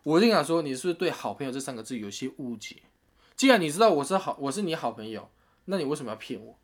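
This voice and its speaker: A man's voice: fairly high pitch, very fast. A man, telling a story in a casual chat and acting out what people said. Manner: animated retelling with quoted voices and laughs.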